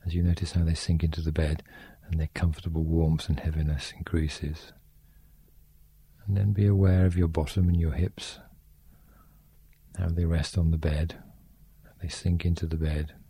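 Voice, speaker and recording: A man guiding a sleep meditation in a slow, soft, soothing way. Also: rumbling low, level tone, husky, no room sound.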